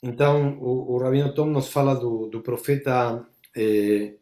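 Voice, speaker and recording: This male rabbi from Argentina has a warm, medium-pitched voice with little pitch movement, heard in a reverberant setting. He talks in a halting way, searching for words amid frequent fillers and restarts, as he chats back and forth in English and Portuguese.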